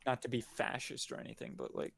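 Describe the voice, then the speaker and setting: A man's voice: mid-range voice, big pitch swings, quick pace, gravelly, a bit bright. A man, a guest in a casual discussion, talking loosely with lots of "like".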